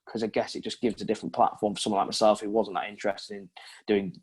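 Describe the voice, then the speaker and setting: A man's voice: lowish voice, flat delivery, fast talker, darkish tone, slightly rough. A young man in his twenties from Yorkshire, answering interview questions in a chatty way with many ums. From Yorkshire, England. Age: 20s. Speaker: recruitment consultant, interviewee.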